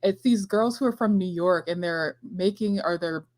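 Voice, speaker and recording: A woman's voice: on the low side, moderate pace, a little mellow. A woman guest host in a book club chat, talking thoughtfully and laughing mid-sentence. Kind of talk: casual livestream chat.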